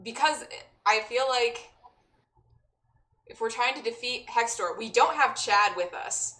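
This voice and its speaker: Eager, bright-voiced woman player. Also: a little high, expressive, unhurried, distant mic. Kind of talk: casual tabletop play.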